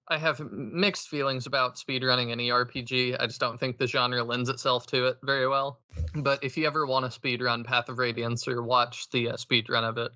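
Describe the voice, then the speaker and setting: A man co-hosting a podcast, chatting about video games in a measured way. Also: medium pitch, bright, forceful tone, no echo. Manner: measured, lots of "um" fillers. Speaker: podcast co-host.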